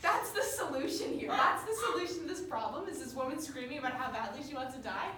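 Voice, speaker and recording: A woman's voice: high voice, animated, fast, bright, forceful tone. Chatty young woman in an echoey room. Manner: chatty, sarcastic, many fillers. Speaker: student. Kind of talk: casual plot retelling. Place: room with a study group. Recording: echoey room, distant mic, faint noise.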